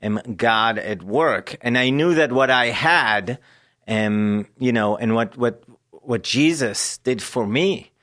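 A man from Israel, a guest in an interview, telling his life story earnestly and haltingly with many pauses and fillers. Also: mid-range voice, fairly bright tone.

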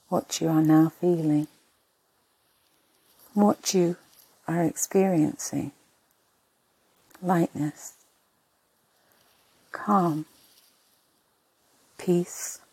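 A woman narrating a sleep meditation in a soft, breathy, husky voice, soothing and hushed, in short spaced phrases. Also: deep voice, extremely slow, long pauses, no echo, poor audio.

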